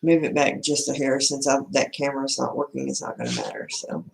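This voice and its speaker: A woman's voice: rumbling low, wildly swooping pitch, fairly quick, gravelly. A woman with a Southern US accent chatting casually and folksily as the host of a home livestream. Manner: folksy, informal. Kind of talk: casual live-stream chat, greeting viewers. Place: indoor room at home. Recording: echoey room, laptop livestream.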